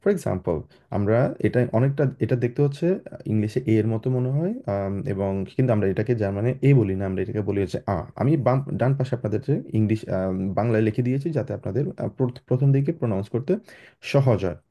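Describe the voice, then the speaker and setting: A young man whose first language is Bengali, teaching German on a video call. He talks hesitantly with many fillers and restarts, and spells out letters slowly. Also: on the low side, mellow. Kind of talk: online class lecture. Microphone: computer mic on a video call.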